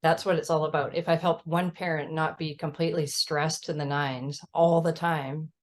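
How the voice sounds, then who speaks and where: A woman's voice: sits low, steady tone, moderate pace. A mother of a child with type 1 diabetes, talking earnestly and emphatically in a casual chat over a video call, often adding "right?". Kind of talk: casual conversational storytelling.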